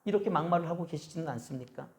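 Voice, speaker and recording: A pastor preaching a Sunday sermon at a church service, pressing the congregation with repeated rhetorical questions and slowing down to stress key phrases. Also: male voice, fairly high pitch.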